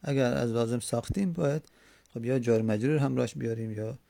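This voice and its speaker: A man teaching Arabic grammar, reading a text and slowly repeating word forms aloud. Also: medium pitch, vocal fry, mellow, no room sound. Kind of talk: classroom lesson with text reading.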